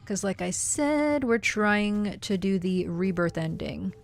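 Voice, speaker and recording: Slow, chatty, giggly woman streamer. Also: medium pitch, expressive, gravelly. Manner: chatty, giggly, talks to herself and chat. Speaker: game streamer. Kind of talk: casual live gameplay commentary. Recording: game music faint behind.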